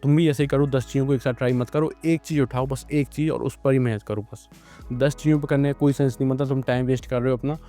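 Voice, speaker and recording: Fast, flat-voiced young man lecturing. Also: mid-range voice, faint music behind. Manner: blunt, lecturing, speaks straight to the listener. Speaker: self-improvement channel host. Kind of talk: motivational monologue.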